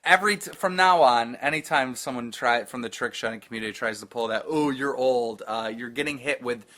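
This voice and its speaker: A man's voice: mid-range voice, a little fast. A man co-hosting a podcast, telling profane stories in a casual chat and mimicking other people's voices as he retells them. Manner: animated, profane storytelling. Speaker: podcast co-host.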